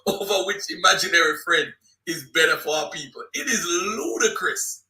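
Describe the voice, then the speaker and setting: A younger man chatting in a casual conversation, animated and plain-spoken with everyday analogies. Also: high voice, normal speed. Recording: roomy sound, distant from mic.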